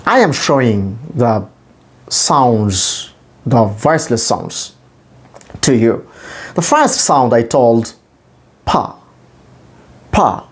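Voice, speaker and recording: Teaching English pronunciation, a Bangladeshi-accented man who speaks Bengali natively demonstrates sounds slowly and repeats them. His voice is mid-range and swings widely in pitch.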